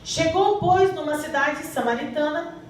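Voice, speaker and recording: High-voiced Brazilian woman preaching in echoey hall. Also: a little slow. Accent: Brazilian Portuguese. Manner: asks the congregation questions and prompts answers. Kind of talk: church sermon with scripture reading. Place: church hall. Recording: very echoey hall, mic far off, faint hiss.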